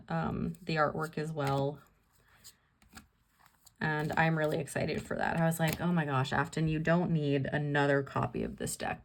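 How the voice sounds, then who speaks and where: Low-voiced, chatty woman vlogger. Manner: rambling, with many "like" and "um" fillers and restarts. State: tired and yawning. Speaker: vlog host. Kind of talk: casual chat about her tarot deck collection.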